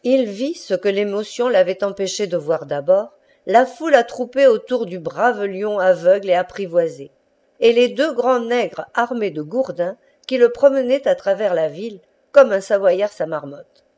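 A woman narrating a classic novel as an audiobook reader, measured and expressive. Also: medium pitch.

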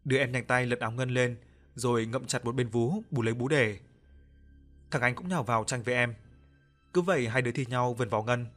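A man narrating an audio ghost story in a calm, even reading voice. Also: mid-range voice, a little fast. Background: soft background music.

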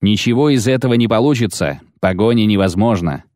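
A man's voice: fairly low pitch, expressive, a little fast, darkish tone, dry recording, studio quality, close to an everyday voice. A man voicing a boisterous, pompous baron knight in an audiobook. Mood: blustering. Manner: boisterous, repeats a pet oath. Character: blustering pompous middle-aged male baron knight.

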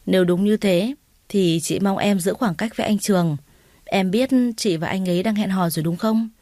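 A sly, jealous young woman from a storybook, sharp and taunting with a false, whiny edge, as a female narrator reads her lines. The voice sits at a medium height and sounds close and dry, with no room around it. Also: mid-range voice, normal speed, dry recording, close to an everyday voice. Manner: sharp, taunting, then whiny fake sobbing.

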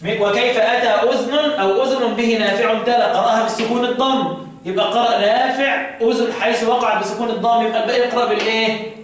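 A man's voice: very high-pitched, steady tone, fast talker, a little hiss or hum. A man with an Egyptian accent teaching Quran recitation, quizzing his students and chanting verses between questions. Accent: Egyptian Arabic. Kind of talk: classroom lesson with call-and-response. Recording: echoey room, distant mic.

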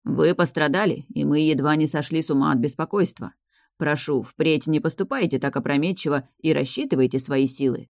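A narrator voicing a calm, reserved middle-aged butler in a fantasy audiobook. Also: medium pitch, fairly quick, vocal fry, no room sound, clean studio sound, close to an everyday voice.

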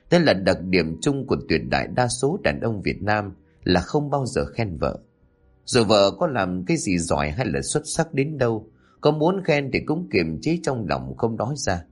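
Low-voiced male storyteller. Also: breathy edge. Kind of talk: scripted story narration. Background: faint background music.

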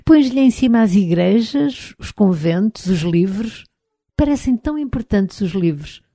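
A woman's voice: on the low side, a little slow, dark tone, no echo, studio quality. A woman with a European Portuguese accent reading the lines of a troubled middle-aged friend in an audiobook, murmuring and sarcastic in turn. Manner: murmuring, sarcastic then pleading.

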